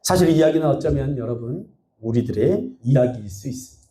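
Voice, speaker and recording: A man's voice: mid-range voice, expressive, brisk, mellow. Male pastor telling a story from the pulpit, throws questions at the crowd, echoey church. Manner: asks the congregation questions and acts out quotes. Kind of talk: Sunday sermon with storytelling. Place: church sanctuary.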